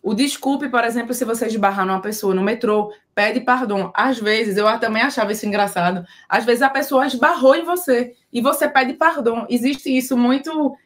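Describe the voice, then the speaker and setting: A woman with a Brazilian Portuguese accent, hosting a casual video lesson and explaining things patiently, slowing down to model sounds. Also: fairly high pitch. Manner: explanatory, slows down to model pronunciation. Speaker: language teacher.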